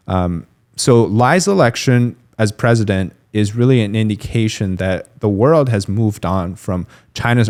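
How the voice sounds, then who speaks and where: A man with a fairly low pitch and darkish tone appears as a guest commentator in a podcast interview. He explains political matters analytically and thoughtfully, stumbling through many fillers and restarts.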